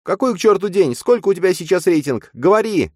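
A shrill, scornful young woman, as a male reader puts her on, rising high and loud as she scolds. The voice leaps about with lively swings. It sounds close and dry in a storybook reading. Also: fairly quick, no room sound. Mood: furious. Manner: shouting, contemptuous, scolding. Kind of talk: audiobook character voice.

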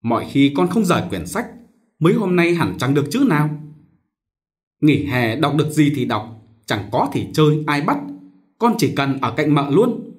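A man voicing an ailing, gentle mother who fusses over her son, with a raised, soft motherly tone, in an audiobook story reading. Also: a little high, very animated, normal speed, long pauses. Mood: tender.

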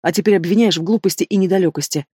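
A hot-tempered teenage werewolf girl, as an audiobook reader puts her on, defiant and sulky. She hurls accusations and sharp sarcasm at her father in a storybook reading. The sound is dry and close. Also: medium pitch, rapid-fire, husky, dry recording, natural voice. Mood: resentful.

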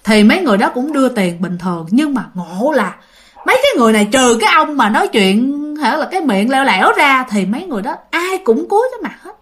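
Chatty Southern Vietnamese woman storyteller. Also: sits high. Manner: chatty, addresses listeners directly. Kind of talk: casual ghost story narration.

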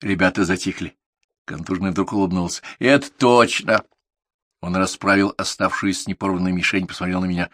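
A man calmly reading a literary story aloud as a narrator, in a measured storytelling manner. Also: low-pitched. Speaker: audiobook narrator.

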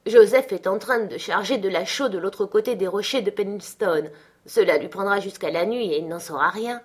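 A woman reading aloud, voicing a rough, jealous young man who speaks in an insistent, agitated way. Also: mid-range voice, moderate pace, natural voice.

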